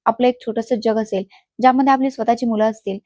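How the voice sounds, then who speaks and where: A woman's voice: a little high, fairly even intonation, fast talker, dark tone, dry recording, lightly acted. Woman voicing a devoted young lover. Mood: tender. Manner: tender, earnest promises. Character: devoted young man in love.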